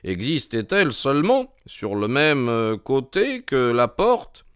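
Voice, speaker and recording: A man's voice: medium pitch, smooth, no echo, studio quality, voice pushed up. Man voicing Sherlock Holmes, keen and probing. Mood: inquisitive. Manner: quick, questioning, excited interjections. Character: keen, probing male detective, eager and precise. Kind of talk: audiobook character reading.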